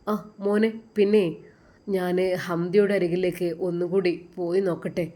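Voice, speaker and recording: A woman's voice: on the low side, flat delivery, unhurried, warm tone, natural voice. A woman voicing a caring, determined older woman in a storybook tale. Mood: concerned.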